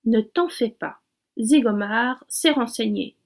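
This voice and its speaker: A woman's voice: fairly high pitch, slow. A woman voicing a boastful, peremptory male blackbird in a storybook reading. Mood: know-it-all. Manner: excitable, peremptory, shouting exclamations.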